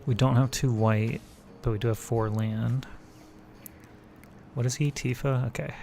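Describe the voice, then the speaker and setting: A man's voice: mid-range voice, steady tone, unhurried, gravelly, darkish tone, soft background music. A man casually thinking aloud while live streaming a digital card game, muttering card names and plays. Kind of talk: casual gameplay commentary.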